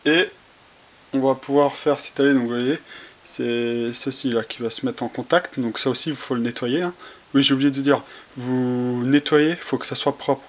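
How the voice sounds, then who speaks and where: A man giving a casual how-to demonstration, talking through each step with many fillers and restarts while he works with his hands. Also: mid-range voice. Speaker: tutorial presenter. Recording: faint hiss, home camera audio.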